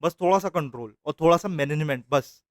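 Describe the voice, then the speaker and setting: A man's voice: fairly high pitch, brisk, no room sound. Encouraging male trading instructor, dry sound. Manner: informal and encouraging, mixing English phrases into his Hindi. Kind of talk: casual motivational lesson.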